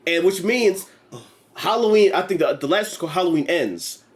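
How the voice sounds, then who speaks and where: A man co-hosting a casual movie review chat, talking in an animated, profane way and acting out quotes in put-on voices. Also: high-pitched, moderate pace. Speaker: co-host of a movie review show.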